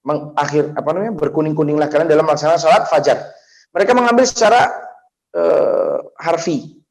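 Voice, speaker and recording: A man giving a casual, anecdote-filled religious lesson as the teacher, with sudden excited rises in his voice. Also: on the high side, brisk, vocal fry, rough recording. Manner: chatty, anecdotal, rising excitedly at points. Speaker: Islamic teacher.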